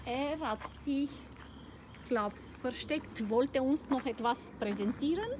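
Recorded outdoors on a phone with background noise, a middle-aged woman who isn't a native German speaker improvises a walking tour of a school playground. She speaks slowly in a high voice, using many fillers and self-corrections.

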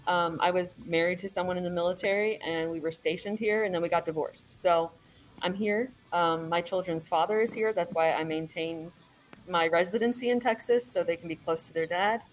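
A woman in her thirties, born in California and raised in Virginia, chats casually as a panel guest over a webcam video call from a room at home. Her lowish voice moves fairly quickly, full of ums and easy laughter. The low-quality recording carries slight background noise.

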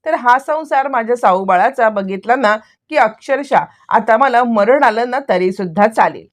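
A woman with a slightly high, expressive voice, close to her everyday speaking voice, voices a fond elderly father figure at a normal speed.

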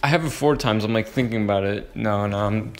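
A young man casually commentating his own mobile game, muttering to himself with sudden excited yelps and growing frustration. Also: on the low side, fairly quick. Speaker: gaming channel host.

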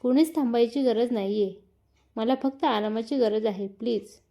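A woman voicing an ailing older father who talks softly and wearily. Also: a little high, moderate pace, creaky. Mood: weary.

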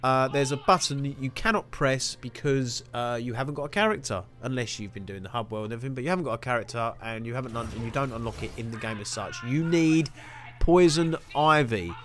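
A young man who hosts gaming videos offers loose, joking walkthrough commentary on a video game, poking fun at himself along the way. He speaks briskly in a mid-range, slightly bright voice.

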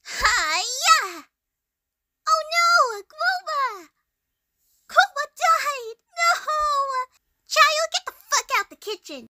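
Game girl chef, squeaky, excitable, very high, swooping. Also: drawn-out words, no echo, full character voice. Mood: excited, frantic. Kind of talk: switching impression voices of game characters.

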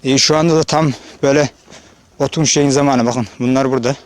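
A man's voice: mid-range voice, steady tone, a little fast. A man from Turkey, a shepherd, chatting casually to his viewers while out on an open pasture and filming with his own camera. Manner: chatty, addresses viewers directly, calls out to animals. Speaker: shepherd vlogger. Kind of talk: casual outdoor vlog narration. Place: open hillside pasture outdoors. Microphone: handheld or body-worn camera.

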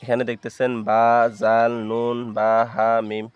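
A man's voice: mid-range voice, flat delivery, a little slow, a little mellow, clear, resonant tone, no echo, lo-fi sound. A man teaching Quran reading, patiently spelling out letters and syllables one at a time. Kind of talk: slow spelling-out recitation lesson.

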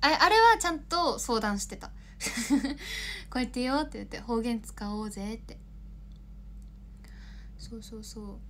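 A woman's voice: fairly high pitch, lively intonation, measured pace, pauses often, fairly bright tone, a little hiss or hum. A young woman in her twenties, an idol chatting casually on a livestream, rambling, laughing often and answering viewer comments.

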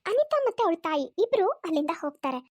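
A woman narrates a cartoon story in a calm, scripted telling. Her voice is very high and moves around in pitch. The sound is dry and close. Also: fast talker, no room sound.

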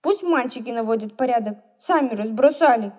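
A woman voicing an emotional, quick-tempered little girl in a children's storybook reading. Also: a little high, expressive, darkish tone. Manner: emotional, exclaiming, tearful.

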